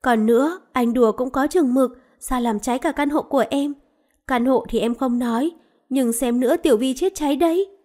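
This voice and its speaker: A woman's voice: high voice, normal speed, warm tone. A woman voicing a hurt, hot-tempered young woman in a storybook romance, talking reproachfully. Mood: scolding.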